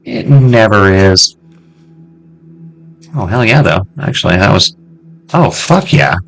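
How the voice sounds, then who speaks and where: Guy with a lowish voice doing casual lets play commentary, super animated, talks to himself. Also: slow, vocal fry, soft background music. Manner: chatty, excitable, talks to himself and swears casually. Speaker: gameplay video host.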